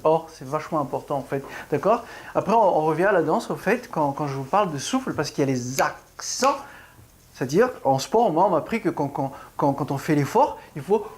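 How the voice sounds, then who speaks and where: Speaking at a medium pitch with an animated manner, a middle-aged ballet class pianist teaches an informal video lesson. The delivery is halting, full of restarts, as rhythm and breathing are shown.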